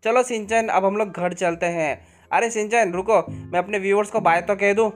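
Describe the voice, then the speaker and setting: A man's voice: high-pitched, moderate pace, faint music behind, close to an everyday voice. A man voicing a confident young game hero, smug and easygoing in a fan-made dub.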